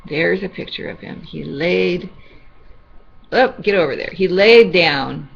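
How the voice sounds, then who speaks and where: A sweet, gentle older woman, a grandmother reading a children's storybook aloud with reassuring, chatty asides to a child. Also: fairly low pitch, lively intonation, a little slow, vocal fry, slightly rough, highs cut off.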